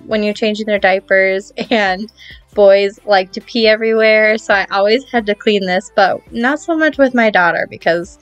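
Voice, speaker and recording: A woman's voice: mid-range voice, fairly bright tone, no room sound. A woman in her thirties, a cleaning vlogger, narrating over her video in a chatty, friendly way with light laughs.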